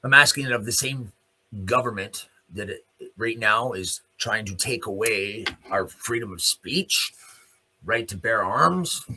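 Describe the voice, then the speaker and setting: Unhurried but forceful, this Canadian commentary host has a lowish, husky, bright voice with lively intonation. His improvised, opinionated rant is sardonic and full of swearing and barbed rhetorical questions, captured on low-quality audio.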